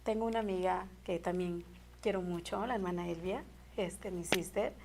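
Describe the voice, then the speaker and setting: Earnest woman, gravelly edge. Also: on the low side, normal speed, a little mellow, slight background noise. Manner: earnest, heartfelt, repeats and restarts phrases. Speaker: guest sharing a faith testimony. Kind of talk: emotional personal testimony.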